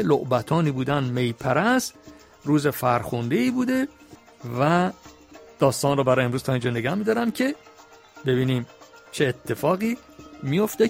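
Man, storyteller, gravelly creaky voice, measured verse recitation, chatty retelling, faint background music. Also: on the high side. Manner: slow measured verse recitation, then chatty plain explanation. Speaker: storyteller reading an epic poem.

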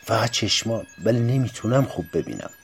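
A man's voice: lowish voice, lively intonation, gravelly, soft background music. A man voicing a young woman in a storybook reading who answers stubbornly and matter-of-factly.

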